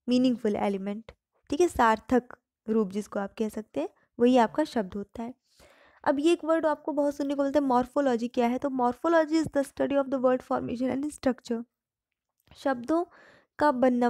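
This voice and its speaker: A woman's voice: high voice, dark tone, no room sound, studio quality. A woman teaching English grammar in Hindi, patiently explaining each term and repeating examples.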